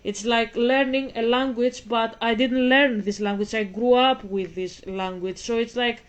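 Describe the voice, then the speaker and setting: Here the same 25-year-old woman from Greece sounds on the high side, a little slow, with intonation that stays fairly even. A native Greek speaker, she vlogs in English, rambling and cutting herself off as she chats directly to viewers.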